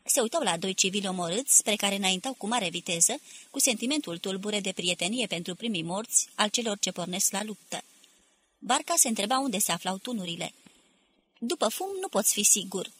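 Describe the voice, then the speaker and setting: Woman, audiobook narrator, literary reading, measured, husky. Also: mid-range voice, fairly bright tone.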